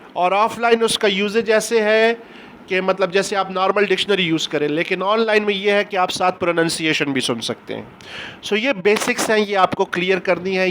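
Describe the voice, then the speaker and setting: A man, an English teacher giving a recorded lecture, explaining step by step and reading English passages slowly. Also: sits high, fairly bright tone, slight background noise. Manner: explains step by step, often asks "ٹھیک ہو گیا؟".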